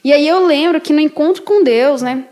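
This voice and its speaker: A woman speaking as an interview guest, telling personal faith stories in an animated way with frequent tag questions. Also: high-pitched, moderate pace. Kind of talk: casual testimony chat.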